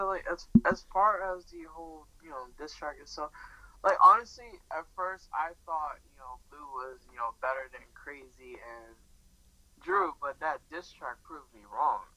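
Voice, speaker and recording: A man's voice: on the high side, vocal fry, bright, forceful tone, poor audio. A twenty-one-year-old man chatting casually as a guest, rambling and restarting his sentences often. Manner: rambling with many restarts and fillers. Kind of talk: casual podcast chat.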